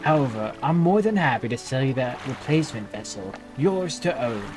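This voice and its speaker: Give me a man playing a measured, businesslike mayor over game music. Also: medium pitch, lively intonation, lightly acted. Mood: smoothly formal.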